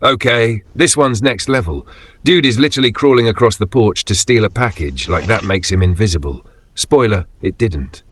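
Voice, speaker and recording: A man's voice: lowish voice, expressive, normal speed, slightly rough, no echo. A man narrating video clips in a casual scripted commentary style, with slangy, wry wording and short punchy phrases.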